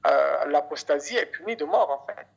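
Guest on a muffled Skype line: man from Afghanistan, husky and hesitant, testifying in a news report. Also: on the high side, expressive, moderate pace. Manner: hesitant, keeps adding "en fait". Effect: heard over a Skype call. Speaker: interview guest. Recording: muffled internet call audio.

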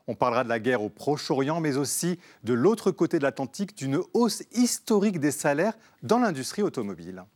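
A male host with a middle-pitched voice opens the show and greets his panel. He jokes with his guests as he goes. His delivery is easy and teasing. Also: big pitch swings, brisk, hardly any pauses, a little mellow. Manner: playful, teasing banter with guests. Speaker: TV and radio host.

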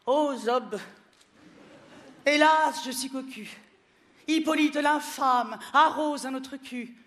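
A man's voice: very high voice, slow pace, fairly bright tone, exaggerated voice. An actor playing a cuckolded man who declaims his lament in mock-tragic verse. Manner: theatrical, declamatory.

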